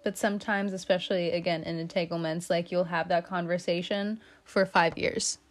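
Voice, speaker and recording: A woman's voice: on the low side, little pitch movement, normal speed. A woman giving a casual tarot reading, chatty and teasing, with lots of fillers. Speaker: tarot reader.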